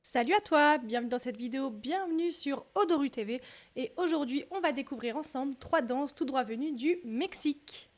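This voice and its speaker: A woman's voice: high-pitched, lively intonation, moderate pace. A woman hosting a casual dance reaction vlog, chatty and exclamatory, talking with lots of fillers. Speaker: dance video host.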